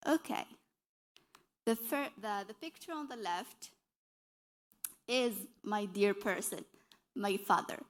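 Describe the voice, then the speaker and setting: A woman's voice: medium pitch, lively intonation, takes it slowly, pauses often. A young woman from Algeria giving a conference presentation as a dietitian, explaining earnestly and correcting herself as she goes. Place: conference session hall.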